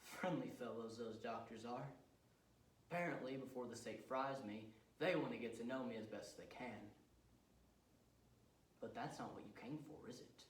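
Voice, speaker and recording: A young man performing a manic, taunting male serial killer on death row as a dramatic interpretation piece, with shouts and cackles. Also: mid-range voice, moderate pace, long pauses, recorded from a distance, lightly acted. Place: competition room. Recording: roomy hall recorded from afar.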